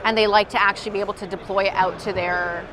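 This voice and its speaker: A woman's voice: medium pitch, level tone, fast, rough recording. A woman company representative explaining a product conversationally in a demo at a trade show. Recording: busy outdoor trade-show crowd noise.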